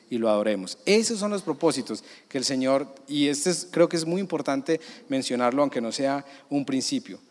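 A man with a Colombian Spanish accent, a pastor preaching a sermon, telling stories and moving between quiet and loud. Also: mid-range voice, in a large hall. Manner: storytelling, swings from hushed to loud. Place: church hall.

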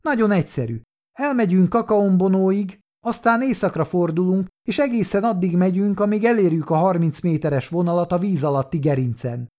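A man's voice: high-pitched, a little mellow, pitched above the performer's own voice, natural voice. A man reading an audiobook who voices a young, defiant, scheming nephew that stammers when cornered. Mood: defiant, boastful.

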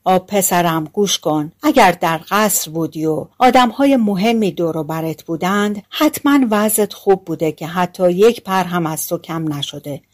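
A woman voicing a wise, cautious father sparrow who gives earnest warnings, slightly lower than her narration. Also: animated, hardly any pauses.

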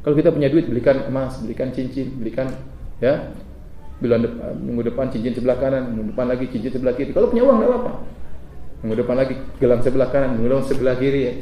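A middle-aged man preaching a sermon to a live audience, lively and humorous, often asking the crowd questions. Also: mid-range voice, very fast, slight background noise. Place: lecture hall with audience. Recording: echoey hall, mic at a distance.

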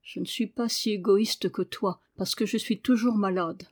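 A woman's voice: mid-range voice, steady tone, normal speed, a little mellow, lightly acted. A woman reading aloud and voicing a sickly, spoiled young boy with a whiny, imperious way of complaining. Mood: petulant furious.

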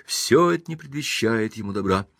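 A man reading a classic novel aloud as an audiobook narrator, in a plain, measured manner. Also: fairly low pitch, animated, gravelly, a bit bright, no echo, studio quality. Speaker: audiobook reader. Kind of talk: scripted narration.

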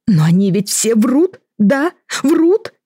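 A woman's voice: expressive, moderate pace, a little mellow, husky, dry recording, clean studio sound. A woman in her forties reading the part of a hurt woman past forty who speaks in an agitated, pleading voice. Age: 40s. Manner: agitated, pleading, rising pitch.

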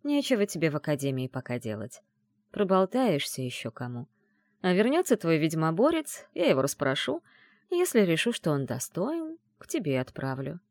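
Woman reading as a strict academy dean, firm and commanding, lowish voice, lively intonation, dry close sound, audiobook. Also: normal speed, dry recording, exaggerated voice. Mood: stern. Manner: firm, commanding, brooks no argument.

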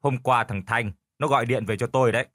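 A man's voice: mid-range voice, steady tone, quick pace, fairly bright tone, no room sound, studio quality, close to an everyday voice. A man voicing a lazy, stubborn old village husband who argues back smugly. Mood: stubborn bickering. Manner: stubborn, quarrelsome.

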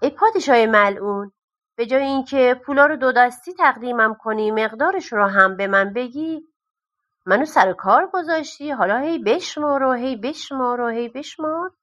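A woman's voice: a little high, expressive, a bit bright. A woman voicing a clever, plain-spoken peasant farmer in a storybook reading, blunt and grumbling.

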